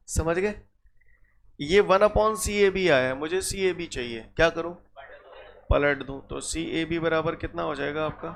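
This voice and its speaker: Gravelly-voiced male physics teacher. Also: on the high side, a bit bright, slight background noise. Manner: checks in with students often. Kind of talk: classroom lecture.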